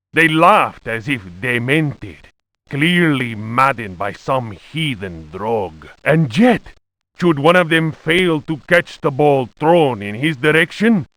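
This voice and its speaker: Pompous conquistador lieutenant, hammy bad acting, slow pace, big pitch swings, horror game journal narration. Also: male voice, a bit bright, no room sound, low-quality recording. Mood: dramatic, aghast. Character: Spanish lieutenant recounting a horrifying expedition, pompous and melodramatic. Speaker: narrator reading old books in a video game.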